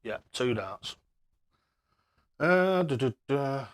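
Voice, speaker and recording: A man's voice: medium pitch, expressive, very slow. A man chatting casually on a live stream as he plays darts, matey and self-deprecating.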